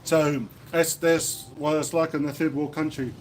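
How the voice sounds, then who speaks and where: Chatty New Zealand man, high voice. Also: flat delivery, a little slow, a little hiss or hum. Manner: rambling, chatty with fillers and restarts. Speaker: livestream host. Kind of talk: casual livestream chat. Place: indoors at a lunch table in the Philippines.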